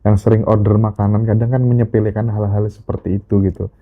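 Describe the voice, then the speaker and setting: A man hosting a casual interview, asking reflective and gently probing questions. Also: on the low side, flat delivery, quick pace, narrow, tinny audio. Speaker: podcast host.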